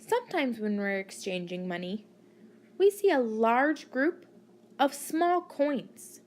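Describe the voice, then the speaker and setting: High, very slow woman teaching children counting. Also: very animated. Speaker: primary school maths teacher. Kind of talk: scripted lesson narration for children.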